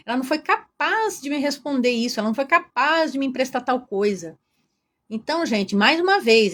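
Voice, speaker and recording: Chatty Brazilian woman teaching a workshop. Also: sits high. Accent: Brazilian Portuguese. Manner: lively, chatty, addresses the audience directly.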